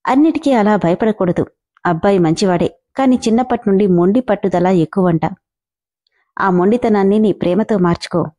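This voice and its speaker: Brief: a woman reading as a middle-aged mother on the phone, coaxing and firm, mellow storybook voice. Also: mid-range voice, fairly quick, lightly acted.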